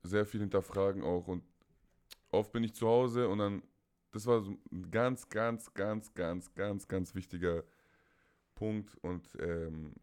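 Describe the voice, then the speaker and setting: Very deep-voiced young man, rambling. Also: takes it slowly, a little mellow, clear, resonant tone. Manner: rambling, repeats words, many fillers. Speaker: guest. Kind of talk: casual call-in chat.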